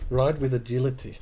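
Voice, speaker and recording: A man's voice: mid-range voice, mellow, a little hiss or hum. A man hosting a casual chat, mostly giving short, easygoing agreeing replies.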